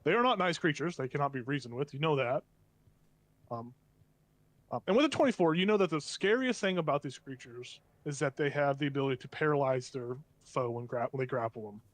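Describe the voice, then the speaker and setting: A man narrating a tabletop game as game master, improvising descriptions in a halting, casual way with slangy asides. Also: mid-range voice, animated, dry recording.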